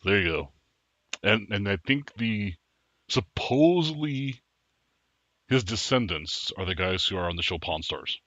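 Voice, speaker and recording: A man co-hosting a casual chat show, chatty and quick to laugh. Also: fairly low pitch, no room sound. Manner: laughs often, chatty and animated. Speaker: podcast co-host. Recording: dull lo-fi sound.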